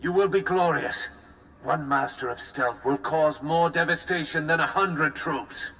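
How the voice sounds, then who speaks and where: An actor playing a pompous, bloodthirsty dark lord in a video game, grandly commanding his troops with a gravelly, forceful delivery. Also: fairly high pitch, a little slow. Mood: grandiose.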